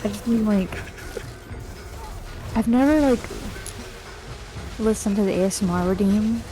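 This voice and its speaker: A woman's voice: mid-range voice, a little slow, music in the background, rough recording. A woman streamer chatting casually while gaming, giggling, swearing and filling her talk with fillers. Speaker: game streamer.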